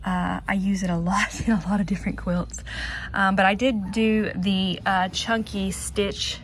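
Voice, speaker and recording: A woman's voice: mid-range voice, little pitch movement, a little slow. Female vlogger, mid-range voice, informal craft show-and-tell, chatty, self-deprecating, some ambient noise behind. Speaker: quilter presenting her own finished quilt. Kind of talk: casual show-and-tell vlog.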